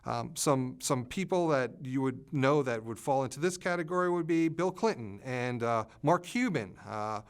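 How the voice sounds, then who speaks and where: A man explaining communication styles as an expert in an interview, pausing often with "uh" fillers. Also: medium pitch, expressive, clear, resonant tone.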